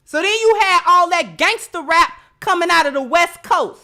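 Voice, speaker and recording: A woman's voice: very high-pitched, animated, moderate pace, pushed and bright. An American woman host giving opinionated commentary in informal, colloquial speech, emphatic and repeating phrases to drive a point home. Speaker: livestream host.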